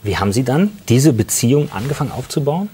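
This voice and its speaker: Moderator mit heiserer, lebhafter Stimme. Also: male voice, mid-range voice, fast talker, slightly rough. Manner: calm, concise questions. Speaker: interviewer host. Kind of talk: television interview.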